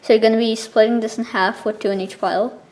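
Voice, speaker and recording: A woman explaining something step by step in a casual, informal tutorial style, with halting pauses between steps. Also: a little high, steady tone, darkish tone. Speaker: card trick tutorial presenter.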